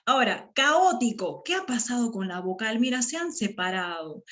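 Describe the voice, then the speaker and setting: A woman's voice: fairly high pitch, very animated, moderate pace. A woman teaching a grammar lesson to her class, stretching words out syllable by syllable and checking in with short questions.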